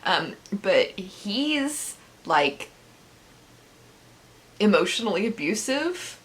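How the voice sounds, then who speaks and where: Giggling and laughing mid-sentence, this woman recaps a novel's plot for her book vlog, adding sarcastic remarks along the way. Her medium-pitched voice swings widely in pitch, with a fairly bright tone and a very slow pace.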